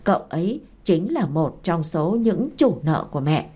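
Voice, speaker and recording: A woman voicing a desperate middle-aged mother in a read-aloud story, pleading slowly and tearfully. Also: fairly low pitch, sing-song, warm tone, husky, exaggerated voice.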